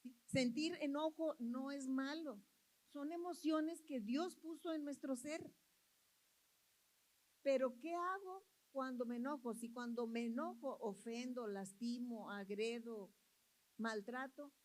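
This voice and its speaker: A high-pitched woman delivers a sermon from the pulpit. She speaks earnestly, circling back over her phrases and putting questions to the listeners. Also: unhurried, a little mellow, poor audio. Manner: earnest, repeats phrases, asks the congregation questions. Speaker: preacher.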